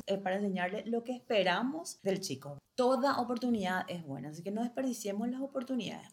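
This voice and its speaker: Woman co-host giving parenting advice. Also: medium pitch. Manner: explains with everyday examples, addresses listeners directly. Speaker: co-host of a parenting talk show. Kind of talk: conversational advice talk.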